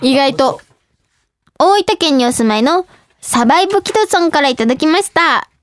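A woman's voice: high-pitched, lively intonation, normal speed. A young woman hosting a radio show, reading listener mail and chatting casually, bubbly and often breaking into giggles.

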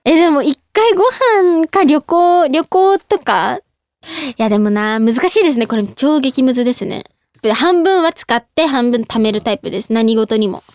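A young woman hosting a casual radio talk show, reading listener mail with a bubbly, giggly, animated manner. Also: sits high, normal speed, dry recording, clean studio sound. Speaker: idol radio host.

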